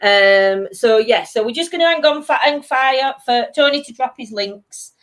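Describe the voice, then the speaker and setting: A woman's voice: a little high, normal speed, fairly bright tone. A British woman hosting a live stream in a casual, chatty style. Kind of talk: casual chat.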